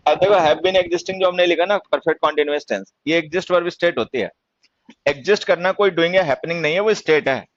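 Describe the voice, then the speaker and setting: A man teaching English grammar in a classroom lecture, teasing students about their mistakes and reading example sentences slowly. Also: on the high side, no echo. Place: coaching class in Delhi. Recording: dull, dry lo-fi sound.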